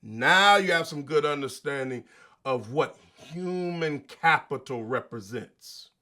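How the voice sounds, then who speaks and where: A man with a bright, forceful, slightly high voice hosts a motivational monologue. He preaches emphatically in casual slang and keeps throwing rhetorical questions at the listener. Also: expressive, slow pace. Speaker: show host.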